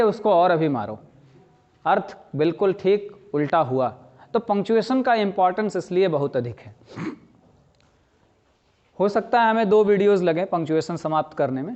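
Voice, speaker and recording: A middle-aged man teaching a language lesson, explaining slowly, repeating key phrases and asking his students questions. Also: high-pitched, darkish tone. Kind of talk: classroom lecture. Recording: slightly dull lo-fi sound.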